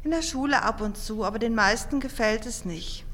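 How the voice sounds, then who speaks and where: A bubbly, high-voiced alien teen girl. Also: a little fast, fairly bright tone. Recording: music playing underneath.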